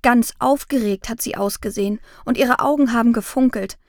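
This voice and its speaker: A woman calmly narrating a children's audiobook in the first person. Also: a little high, moderate pace, dry recording, studio quality.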